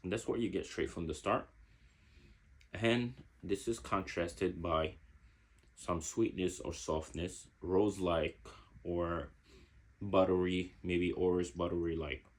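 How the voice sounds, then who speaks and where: A man's voice: low voice, fairly even intonation, slow pace. A man from Egypt, giving a casual product review in a reflective way and searching for his words. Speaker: fragrance reviewer.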